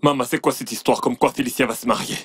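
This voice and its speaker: A man's voice: medium pitch, steady tone, fast talker, husky, lightly acted. A man voicing a poor, desperate suitor in a French film dub, pleading and stammering. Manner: pleading, stammering, then invoking spirits. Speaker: rejected suitor.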